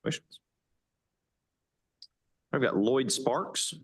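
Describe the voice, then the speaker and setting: A man chairing a board meeting, briskly calling up applicants and asking for questions. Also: medium pitch, husky. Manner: brisk, calls names and asks for questions.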